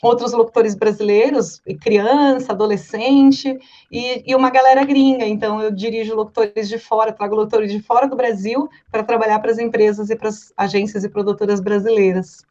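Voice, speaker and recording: A woman from Brazil, a voice-over artist, chatting casually and telling stories with lively quoted voices. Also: fairly high pitch, normal speed, lo-fi sound. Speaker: voice-over artist and director, guest. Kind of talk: casual podcast chat.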